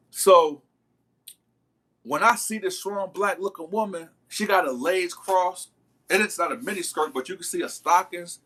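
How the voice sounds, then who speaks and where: Man, livestreamer, slangy storytelling, talks straight to viewers, crisp bright tone. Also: a little high. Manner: slangy, chatty, keeps calling out to viewers. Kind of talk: casual storytelling to a live chat.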